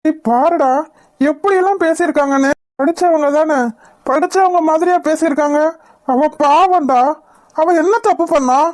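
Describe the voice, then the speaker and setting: A woman's voice: on the high side, normal speed, dark tone, lightly acted. Anguished young man, voiced by a woman. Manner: anguished, agitated. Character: anguished young man, worried for his wife. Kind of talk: cartoon voice acting.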